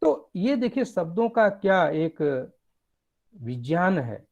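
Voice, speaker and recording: A man giving a lecture, explaining step by step with animated emphasis. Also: high voice, takes it slowly, creaky, dull audio. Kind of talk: academic lecture.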